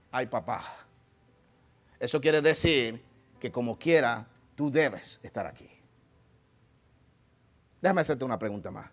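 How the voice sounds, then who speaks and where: A male pastor preaching a sermon, shifting from quiet, conversational asides to loud, emphatic exhortation. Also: a little high. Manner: acts out congregation members in mock voices. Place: church sanctuary.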